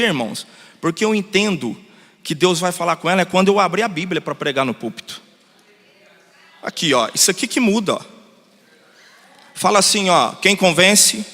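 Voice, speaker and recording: Male pastor, animated sermon storytelling, sharp tone, long church-hall echo. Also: sits high. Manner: animated storytelling, addresses the congregation. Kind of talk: sermon testimony.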